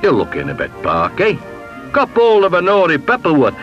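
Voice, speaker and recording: A man's voice: on the high side, wildly swooping pitch, normal speed, a bit bright, voice pushed up. A man doing a cheerful beaming cartoon character. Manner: cheerful, friendly. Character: cheerful beaming male dragon. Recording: dull lo-fi recording with music.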